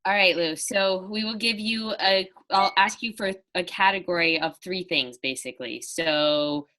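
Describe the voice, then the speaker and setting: A woman's voice: on the low side, moderate pace, sharp tone. A woman acting as quizmaster in a casual game, chatting and reading out challenges. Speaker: host, quizmaster.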